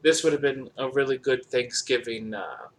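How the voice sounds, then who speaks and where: A man casually chatting while cooking in his home kitchen, sounding low-energy and a bit sick with a dry throat, talking in a monotone full of fillers. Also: moderate pace, a little hiss or hum. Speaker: cooking vlogger. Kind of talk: casual cooking vlog chat. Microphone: camera across the kitchen.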